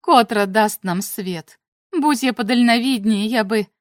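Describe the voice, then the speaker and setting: A woman's voice: fairly high pitch, unhurried, no echo, studio quality, natural voice. A woman voicing a proud sorceress in a storybook reading, declaiming her lines with emphasis. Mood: exultant.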